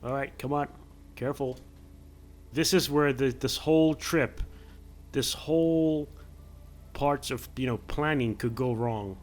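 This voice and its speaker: A man's voice: medium pitch, unhurried, pauses often. A man hosting a gameplay video, talking himself through careful moves in casual commentary and chuckling now and then.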